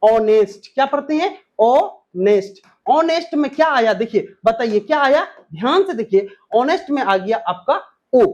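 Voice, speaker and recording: A man's voice: extremely high pitch, expressive, normal speed, lo-fi sound. A man teaching an exam-prep grammar lesson, who asks questions and answers them himself, repeats key points and spells words out letter by letter.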